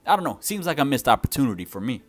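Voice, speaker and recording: A man's voice: mid-range voice, very animated, rapid-fire, faint music behind. A young man giving a scripted but conversational video game review as its host.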